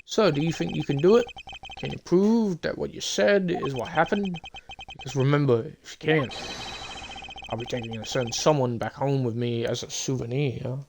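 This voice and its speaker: A man's voice: medium pitch, moderate pace, gravelly, noisy background, close to an everyday voice. A man voicing a cocky male investigator who calls himself a wolf, reading game dialogue aloud with a teasing, taunting manner. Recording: game music behind the voice.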